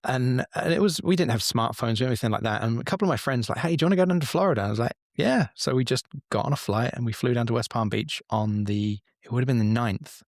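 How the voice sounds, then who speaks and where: A man's voice: mid-range voice, fast talker, few pauses, no room sound, studio quality. A man in his forties from England, telling a long personal story in a candid, rambling way as a podcast guest. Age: 40s. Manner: rambling, candid, swears casually. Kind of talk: casual storytelling.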